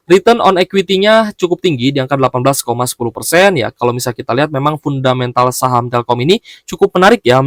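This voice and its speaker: A man giving stock market analysis in a steady explanatory way, often stopping on fillers and short pauses. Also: mid-range voice, no echo, clean studio sound.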